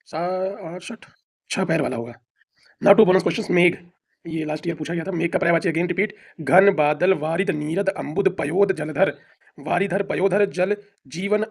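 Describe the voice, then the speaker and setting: A male teacher with an Indian accent runs through word lists for an exam. His voice sits high for a man and has a husky edge. He recites quickly, stopping for short asides in English. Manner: rapid list recitation with brief explanations; mixes English phrases into Hindi. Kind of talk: exam-prep vocabulary drill.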